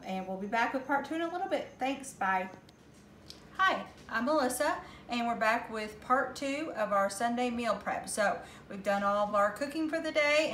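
A woman's voice: on the high side, fairly bright tone. A middle-aged woman casually walking through her meal prep at home, listing ingredients with frequent "um" fillers, recorded on a camera mic at table distance. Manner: chatty, lots of "um" fillers, listing items. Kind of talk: casual how-to vlog. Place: home kitchen, indoors. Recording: echoey kitchen with faint noise.

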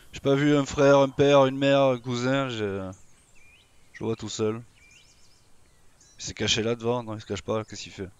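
A man giving live gameplay commentary on a survival game, excitable and taunting his opponents in casual slang. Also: mid-range voice, smooth. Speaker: gamer playing a dinosaur survival game.

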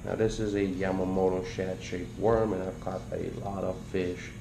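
A man's voice: low-pitched, normal speed, gravelly. A man in his thirties hosting a fishing channel, rambling through a casual tutorial at his kitchen table, recorded on a camera set on the table. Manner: rambling, relaxed, explains as he goes. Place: indoors at a kitchen table by a window. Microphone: camera on the table close to him. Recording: echoey room with background noise.

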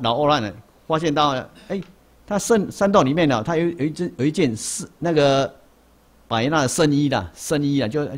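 Monk telling a sermon story. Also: male voice, mid-range voice. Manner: repetitive, asks rhetorical questions then answers them. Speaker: Buddhist monk lecturing on a sutra. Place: lecture hall.

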